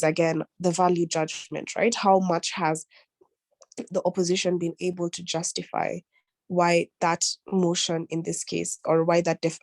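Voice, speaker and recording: Woman, lowish voice, debate judging trainer, explanatory, checks in with "right?". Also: darkish tone. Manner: explanatory, frequent tag "right?". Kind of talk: answering questions in an online workshop.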